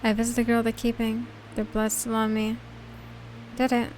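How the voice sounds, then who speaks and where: A woman streamer narrating a dark story game aloud in quiet, tense first person, dropping to whispers at times. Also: a little high, completely flat delivery, fairly quick, slight background noise. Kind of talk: dramatic reading of a story game.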